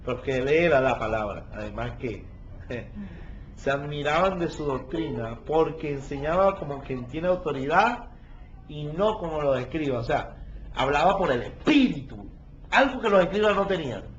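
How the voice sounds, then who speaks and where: A man's voice: a little high, expressive, normal speed, a little hiss or hum. A male pastor teaching a Bible study verse by verse, stopping often to check that his listeners follow. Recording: dull lo-fi recording with faint ambience.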